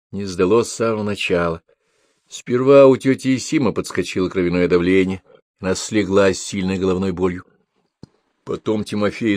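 A man narrating a novel as an audiobook in a steady storytelling manner. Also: low voice, dry recording, studio quality.

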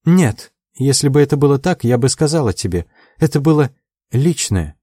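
A distressed young woman on the edge of tears, pleading in a lifted voice, as a man reads her part. Her tone stays warm and mellow. The storybook reading is heard up close, with no room sound. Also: mid-range voice, big pitch swings, moderate pace, no room sound, voice pushed up. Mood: agitated. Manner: pleading, emotional. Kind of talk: audiobook character voice.

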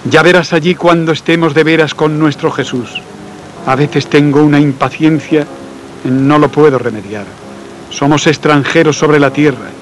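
A man reading devotional letters aloud in a slow, earnest and intimate way, letting phrases trail off quietly. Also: fairly high pitch, a little hiss or hum, poor audio. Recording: faint music and rain behind.

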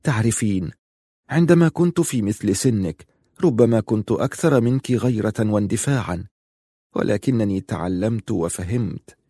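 A man voicing a calm, wise older noblewoman in an audiobook, speaking slowly in a lowered voice. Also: breathy edge, dry recording, studio quality. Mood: calm, counseling.

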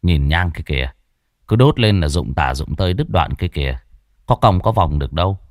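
A man voicing a stern young exorcist in a spoken ghost story, speaking gravely and with emphasis. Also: sits low, lively intonation, normal speed, no room sound, clean studio sound.

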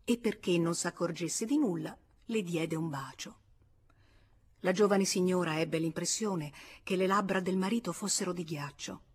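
Husky woman reading a novel. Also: fairly low pitch. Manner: measured literary reading. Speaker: audiobook reader. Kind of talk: scripted narration of a novel.

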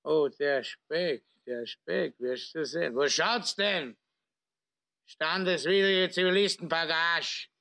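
A man's voice: fairly high pitch, slow, gravelly, bright, forceful tone, full character voice. A man playing a drunken, boastful, corrupt Austrian lieutenant colonel, slurring and repeating himself like a town drunk in a satirical reading. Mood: smug drunken rambling. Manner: slurred, rambling town-drunk babble, repeating and breaking off words.

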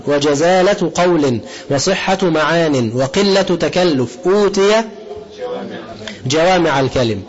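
A man with an Egyptian Arabic accent giving a colloquial religious lesson, often asking the audience a question and answering it himself. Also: a little high. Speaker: preacher. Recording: dull lo-fi lecture recording.

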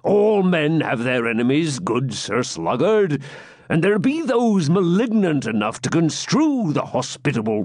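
A man's voice: mid-range voice, no room sound, clean studio sound, pitched above the performer's own voice. A man playing a tipsy blustering friar. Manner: drawling, slurring, blustering. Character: jovial tipsy male hermit friar, blustering.

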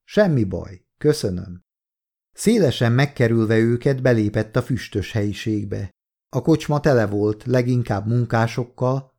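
Male audiobook narrator, mellow and warm, steady storytelling. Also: mid-range voice. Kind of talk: scripted narration.

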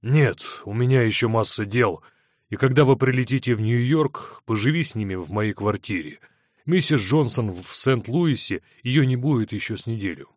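A man's voice: medium pitch, animated, normal speed, dry recording, clean studio sound, lightly acted. A man voicing an irritable middle-aged businessman, curt and grumbling, in an audiobook.

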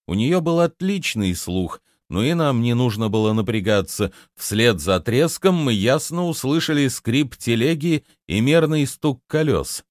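A man narrating a first-person fantasy audiobook in a measured storytelling voice, with lively intonation, recorded close and dry. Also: medium pitch, dry recording.

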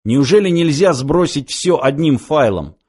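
A man's voice: a little high, lively intonation, measured pace, a little mellow, slightly rough. A man reading an audiobook, voicing a menacing male machine intelligence that speaks through a handheld device in an imperious, threatening manner.

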